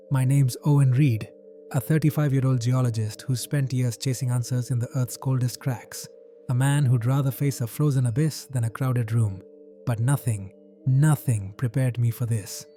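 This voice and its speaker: A man narrating a first-person horror story in a grim, measured way. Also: medium pitch, steady tone, warm tone. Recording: faint background music.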